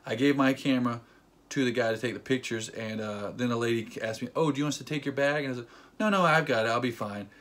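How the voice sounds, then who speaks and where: In a casual vlog, a young man talks to the camera, playful and quick with jokes. His voice is at an ordinary middle pitch with a fairly bright tone, and he drops into small acted quotes while retelling the story.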